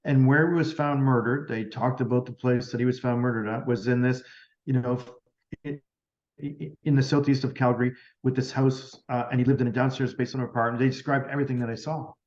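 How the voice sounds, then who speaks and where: With a steady tone in the mid range, a little fast and a little mellow, a man who is a medium recounts a story as a podcast guest. He chats casually, acts out both sides of each conversation and uses "like" constantly, in audio that sounds roomy and slightly dull.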